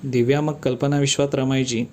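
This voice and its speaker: A man narrating a scripted story in a calm, steady storytelling manner. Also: mid-range voice, a little fast.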